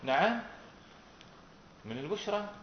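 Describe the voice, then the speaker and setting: A man's voice: sits high, big pitch swings, measured pace. A man teaching a Quran recitation class, asking his students questions and repeating their answers. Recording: roomy, dull recording with faint noise.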